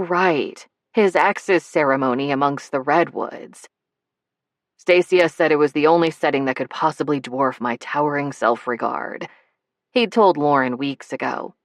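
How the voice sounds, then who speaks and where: Low-voiced woman narrating a romance novel. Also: dry recording, studio quality. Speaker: audiobook narrator.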